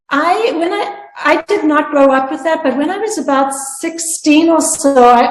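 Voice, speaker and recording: A South African woman on a panel earnestly shares her own story, frequently restarting sentences. Her voice is high-pitched, and the audio is poor, in an echoey room.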